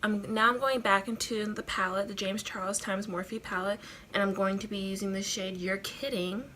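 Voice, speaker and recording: A woman's voice: medium pitch, fairly even intonation, moderate pace, pushed and bright, faint music behind. A woman talking like a giggly, rambling drunk as she gives a casual makeup tutorial, often repeating herself. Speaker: beauty vlogger.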